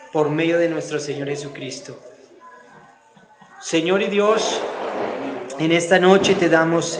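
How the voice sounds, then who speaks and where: A man preaching a sermon in Spanish, rising into emphatic bursts and then praying quietly and fervently. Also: on the high side, reverberant. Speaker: pastor. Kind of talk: sermon and spoken prayer.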